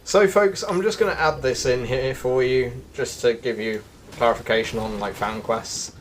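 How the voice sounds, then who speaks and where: A man who runs a video game news YouTube channel offers casual, chatty commentary, speaking straight to his viewers. His medium-pitched voice moves at a moderate pace over background music, with a little hiss or hum on the recording.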